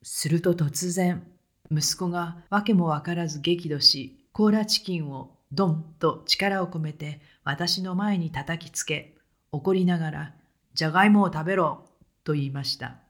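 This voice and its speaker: A narrator reading a first-person account aloud in a calm, measured, scripted way. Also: mid-range voice.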